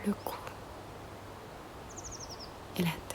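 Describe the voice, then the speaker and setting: In a gentle, soothing half-whisper, soft and breathy, a woman guides a yoga nidra meditation, letting long pauses fall between her phrases.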